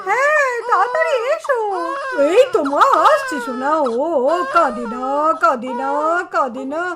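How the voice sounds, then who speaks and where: A fretful old grandmother from a puppet cartoon. Her voice sits very high and swoops in a lively sing-song as she frets and coaxes. A clear hiss of noise runs under it. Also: moderate pace. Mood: fretting. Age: older. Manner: fretful and coaxing. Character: fussing old grandmother, mother-in-law. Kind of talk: Bengali puppet cartoon voice-over.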